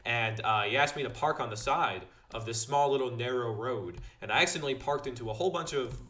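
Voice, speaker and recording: A man's voice: fast talker, pushed and bright. A teenage boy telling a story for his vlog in a rambling, casual way, full of fillers and restarts. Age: teens. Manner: acts out dialogue with big pitch jumps. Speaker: vlogger.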